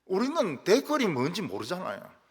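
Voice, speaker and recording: An older male pastor delivers a sermon in a fairly high, very expressive voice that rises and falls constantly. He slips into playful dialect impressions as he tells his stories. His voice carries a long reverberant tail from the church hall. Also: normal speed, slightly rough. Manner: animated storytelling, acts out quarrels in regional dialects. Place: church sanctuary.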